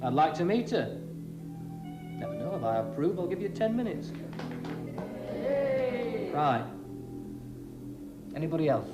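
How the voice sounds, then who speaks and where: An actor playing a middle-aged schoolteacher, strict but joking, with an emphatic, lively delivery in a 1980s TV drama. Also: male voice, fairly high pitch, unhurried, pauses often. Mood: stern, teasing. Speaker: schoolteacher briefing his pupils. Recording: roomy TV soundtrack with music behind.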